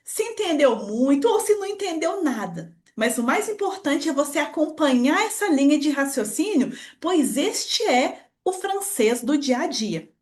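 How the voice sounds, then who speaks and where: A woman's voice: high-pitched, sing-song, normal speed, few pauses, darkish tone. A woman teaching a French lesson online, upbeat and encouraging, talking straight to the viewer. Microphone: computer screen recording voice-over.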